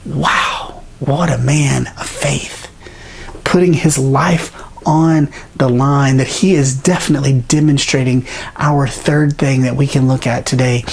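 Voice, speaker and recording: A preacher giving a sermon, retelling a Bible story in an animated way with pauses. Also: mid-range voice, creaky, slightly rough.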